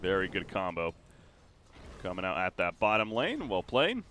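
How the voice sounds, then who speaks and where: Guy casting a video game match live, slightly low voice, bright and punchy, quick excitable calls with lots of uhs. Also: a little hiss or hum. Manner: quick, excitable play-by-play with frequent fillers. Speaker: esports caster.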